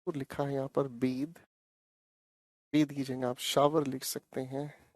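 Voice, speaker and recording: A man's voice: medium pitch, flat delivery, takes it slowly, darkish tone, no echo, clean studio sound. A male teacher explaining English grammar to an online class, coaxing and repeating himself, calling the students his children.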